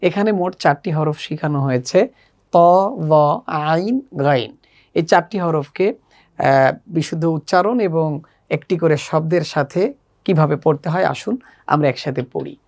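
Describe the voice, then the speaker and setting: A woman with a Bangladeshi accent walks children through Arabic letters one at a time. Her voice sits a little low, and she draws out and repeats each sound so learners can copy it. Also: darkish tone. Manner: slow, drawn-out pronunciation drills, repeating letters. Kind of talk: step-by-step lesson.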